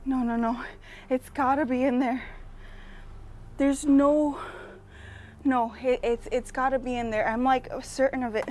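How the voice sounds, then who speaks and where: A woman's voice: high-pitched, steady tone, a little slow, long pauses, darkish tone, a little hiss or hum. A young woman vlogging in her garden, talking to viewers in a jumpy, anxious way and repeating herself. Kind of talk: casual vlog talking to viewers. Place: outdoor home garden.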